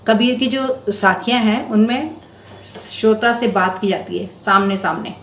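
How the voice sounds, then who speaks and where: A woman's voice: a little high, steady tone, a little slow, fairly bright tone, roomy sound, a little hiss or hum. A woman teacher patiently explaining a school Hindi lesson to children, step by step. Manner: addresses students affectionately as beta.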